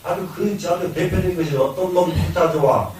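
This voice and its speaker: An older Buddhist monk lectures on the classics in a high-sitting, slightly fast and mellow male voice with a Jeolla Korean accent, soft music playing in the background. He explains by repeating lines, asks and answers his own questions, and chuckles. The classroom-style talk echoes through a hall, captured by a distant mic.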